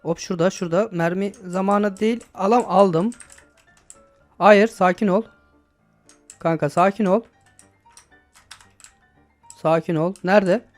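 A young man giving casual gameplay commentary, excitable, shouting and swearing at the game as he plays. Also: high voice, measured pace, pauses often, soft background music. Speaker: gaming YouTuber.

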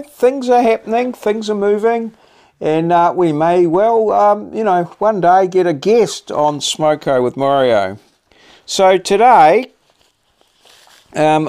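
A middle-aged New Zealand man talks to camera in a slightly high voice. His delivery is slow and halting, with a laconic, blokey turn of phrase, like casual chat over a meal. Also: clean tone. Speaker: vlog host. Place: small cluttered home office, indoors.

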